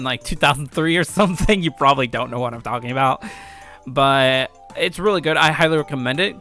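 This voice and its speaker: A young adult man, a video host and amateur game creator, speaks in a slightly high, creaky voice with a sharp tone. His let's play commentary is casual and rambling, and he sounds offhand and self-deprecating about his own work. Background music plays behind him.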